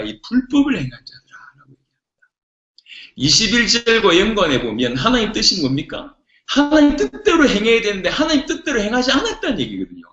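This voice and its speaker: A man preaching a sermon as a pastor, emphatic and rising to shouts, sometimes acting out pleading voices. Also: high-pitched. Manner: acts out pleading voices of believers. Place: church hall. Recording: echoey, dull lo-fi sermon recording.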